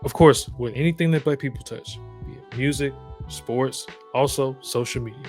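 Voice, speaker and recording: Faint music plays beneath this man's medium-pitched, darkish voice as he talks at a moderate pace. A podcast guest with a Southern accent from the American South, he chats casually, telling stories reflectively and emphatically with frequent restarts.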